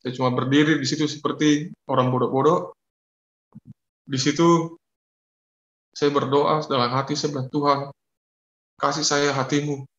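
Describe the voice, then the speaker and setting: A man offers an earnest, confessional personal testimony, often repeating himself and pausing frequently. His voice is a little high, with fairly even intonation and a moderate pace. The recording is echoey and dull, with lo-fi audio.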